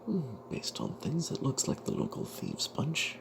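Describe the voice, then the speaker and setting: Playing a wry, wary adventuring cleric, a man tells a fantasy story in breathy ASMR whispers with a halting, quiet delivery. His fairly high voice swings hugely in pitch, and the background is noisy.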